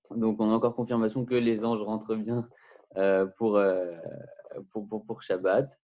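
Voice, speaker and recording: A man with a lowish voice gives an informal religious class, stumbling and repeating words as he gropes for the next phrase. The sound is thin and boxy, like it came over a phone line. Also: flat delivery. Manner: halting, hesitant, many repeated words. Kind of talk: informal spoken lesson.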